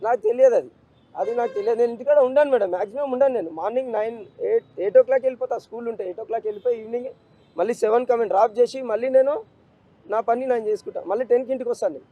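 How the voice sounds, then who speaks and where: A man's voice: very high voice, rapid-fire, warm tone, highs cut off. A middle-aged grieving father, speaking in an emotional street interview, pleading and repeating himself. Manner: grief-stricken, repetitive, pleading.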